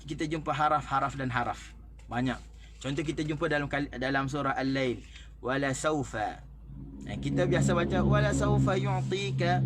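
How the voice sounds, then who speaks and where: A man with a Malaysian Malay accent teaching a recorded Quran recitation class, explaining word stress and then slowly chanting verses to demonstrate it, with frequent fillers and self-corrections. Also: mid-range voice, a little hiss or hum. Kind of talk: recorded online tajwid class.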